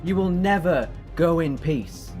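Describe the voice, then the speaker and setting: A man's voice: fairly high pitch, measured pace, darkish tone, faint music behind, natural voice. A man acting as a glib, righteous time-travelling adventurer in an audio drama, with a theatrical, bantering manner. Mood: grave, firm.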